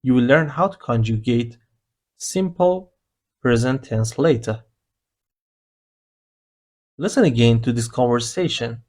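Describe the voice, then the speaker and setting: A man's voice: medium pitch, animated, unhurried, long pauses, darkish tone. A man teaching beginner grammar, explaining the rules patiently one step at a time. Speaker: language teacher. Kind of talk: slow explanatory lesson narration.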